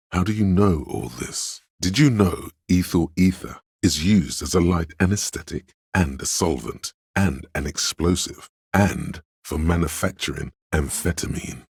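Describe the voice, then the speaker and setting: Performing a full character voice, a man plays an erudite, detached inner voice of trivia in a video game, narrating in a measured, wry way that's smooth and resonant. His low voice comes through in a studio-quality recording with no room sound, and the mood is musing and detached.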